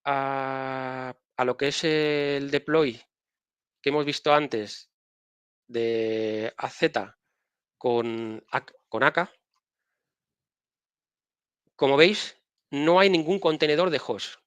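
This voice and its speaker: A man with a Spanish accent, a guest speaker casually explaining software on a live stream while showing his screen, often restarting his phrases. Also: mid-range voice, very slow, pauses often, smooth, dry recording. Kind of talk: technical live-stream talk.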